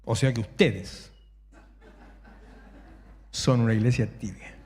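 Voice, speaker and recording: A man with a Rioplatense Spanish accent preaching a sermon as a pastor, animated and humorous, mimicking the shouts of worshippers. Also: medium pitch, slow pace. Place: church sanctuary. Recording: echoey church hall.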